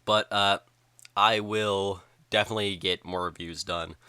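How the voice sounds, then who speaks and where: A man's voice: on the low side, steady tone, a little slow, pushed and bright, clear, resonant tone, no room sound. A young man giving a casual spoken film review, rambling with lots of ums and likes, recorded close on a home mic. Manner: rambling, filler-heavy, with frequent ums and likes. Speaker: movie reviewer.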